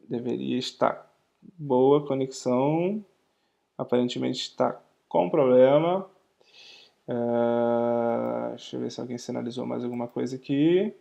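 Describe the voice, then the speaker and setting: A man with a Brazilian Portuguese accent teaching a live online French lesson, explaining step by step with frequent "ok?" checks and slowing down to pronounce the French words. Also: a little high, gravelly, mellow.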